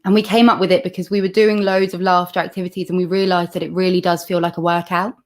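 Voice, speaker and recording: A woman's voice: fairly low pitch, flat delivery, fast talker. Bubbly woman leading laughter exercises. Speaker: laughter yoga leader. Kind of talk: casual video call chat. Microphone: video call.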